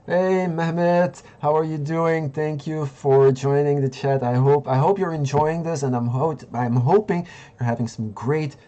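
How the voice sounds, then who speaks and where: Man from Belgium, hosting a live market stream; slow, mellow delivery, halting and full of fillers. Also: fairly high pitch, fairly even intonation, muffled recording. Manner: rambling, halting, many fillers and restarts. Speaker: livestream host. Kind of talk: live market analysis and chat.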